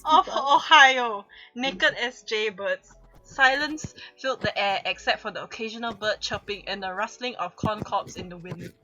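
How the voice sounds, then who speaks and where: A woman streamer hosts a fanfic reading, mixing comic drama with casual chat as she giggles and trips over her words. Her mid-range voice is sharp in tone at a moderate pace, and the audio sounds dull.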